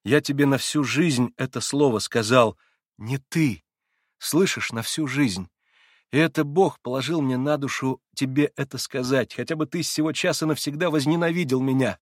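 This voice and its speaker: A male reader voicing a gentle, devout young man who speaks quietly and earnestly. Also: medium pitch, normal speed, no room sound, studio quality, voice pushed up, lightly acted. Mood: pleading.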